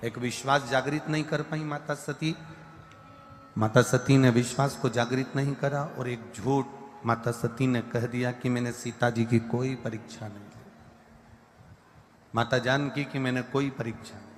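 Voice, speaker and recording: A man's voice: medium pitch, steady tone, a little hiss or hum. A man giving a devotional sermon at a large religious gathering, preaching in repeated lists and rhythmic phrases. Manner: sings verses slowly, then preaches in repeated lists. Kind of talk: devotional sermon with sung bhajan lines. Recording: live broadcast with long reverb and faint music.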